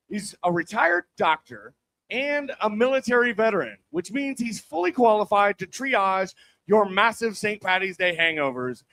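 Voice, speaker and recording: A man's voice: sits high, fairly bright tone, low-quality recording. A man hosting a live comedy show, giving an emphatic, hyped-up introduction from the stage. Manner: hyping up, emphatic.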